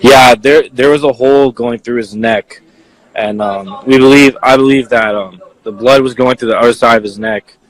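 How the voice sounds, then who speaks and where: A young man, an eyewitness, answering viewer questions in a casual, halting way, full of "like" and "you know.". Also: medium pitch, low-quality recording. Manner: halting, filler-heavy, leans on "like". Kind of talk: casual spoken account.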